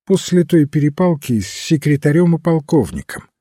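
A calm, thoughtful priest sleuth, as a male reader puts him on, musing in an unhurried, measured way with a husky, mellow tone. He reasons aloud with quiet patience. The audiobook sound is dry and close, with no room echo. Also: a little high, pitched above the performer's own voice. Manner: measured, reflective.

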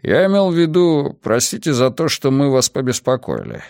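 A composed police commissioner explains things patiently and steadily, his voice only lightly raised above the narration and moving with lively intonation, as a male narrator puts him on. The sound is dry and close to the mic. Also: mid-range voice, normal speed, creaky, no echo, voice pushed up. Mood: calm. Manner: calm and explaining. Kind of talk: audiobook character voice.

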